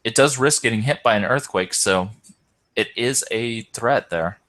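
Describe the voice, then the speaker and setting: A man's voice: medium pitch, measured pace, a bit bright. A tired man hosting and commentating an online game tournament, hesitant, with many ums and self-corrections. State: tired, yawning.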